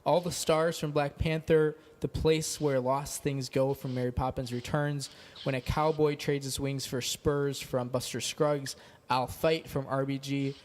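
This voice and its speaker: Laid back guy guesting on a podcast, dry teasing, reads off lists. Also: medium pitch. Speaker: podcast guest, co-host of another podcast. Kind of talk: casual podcast chat.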